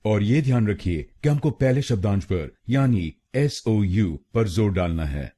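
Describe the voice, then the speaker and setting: Man from India, tutor, instructional, slow, warm, husky, repeats words carefully. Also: lowish voice, expressive. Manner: slow, drawn-out repetition of words. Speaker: pronunciation teacher.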